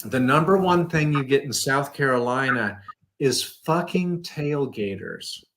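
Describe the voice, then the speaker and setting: A man's voice: mid-range voice, animated, unhurried, fairly bright tone, poor audio. A man co-hosting a live show, ranting in a casual, heavily profane way. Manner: ranting, swears constantly. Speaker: co-host of a live variety show.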